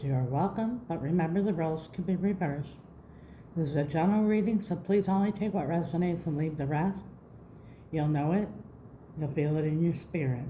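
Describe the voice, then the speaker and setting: Lady doing a tarot reading, low mellow voice w a lisp, bit of noise behind her. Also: highs cut off. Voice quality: lisping after mouth surgery. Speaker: tarot reader, channel host. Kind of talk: spoken tarot reading to viewers.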